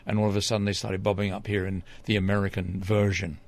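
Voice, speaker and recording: An older Englishman, a former TV reporter, tells long stories as an interview guest in a relaxed yet fairly quick pace. His low, gravelly, darkish voice has little pitch movement. He rambles hesitantly through memories, restarting often and filling gaps with "uh" and "um."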